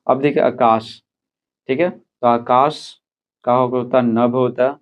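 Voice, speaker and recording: A man's voice: medium pitch, fairly even intonation, slow. A man teaching a school lesson, explaining step by step and checking in with his students often. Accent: Hindi. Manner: repeats "theek hai" often, explains step by step. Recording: tinny phone-like sound.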